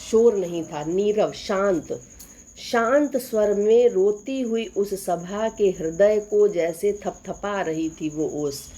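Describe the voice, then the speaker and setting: Slow-paced Hindi teacher, woman. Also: medium pitch, warm tone, husky. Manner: recites verse slowly, then explains line by line. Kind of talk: poetry explanation lesson.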